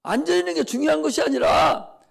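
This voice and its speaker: An older male pastor preaching a sermon with urgency. He repeats and shouts a prayer, then scolds the listeners informally. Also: very high voice, lively intonation, a little fast, gravelly.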